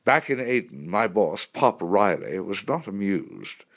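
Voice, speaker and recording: A man narrating a first-person memoir in an expressive, vivid storytelling manner. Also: fairly low pitch, unhurried.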